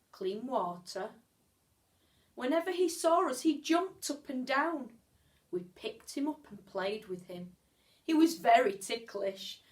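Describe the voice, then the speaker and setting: A woman reads a children's story aloud at a medium pitch, sounding like a teacher. Her delivery is expressive, with measured pauses and drawn-out words.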